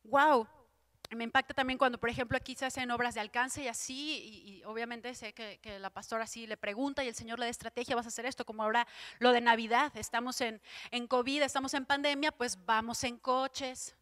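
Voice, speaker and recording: A young woman giving an informal sermon with a personal testimony, acting out her prayers and filling pauses with "este". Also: a little high. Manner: lively, acts out her own prayers and quotes, frequent fillers like "este". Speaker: church speaker giving a testimony.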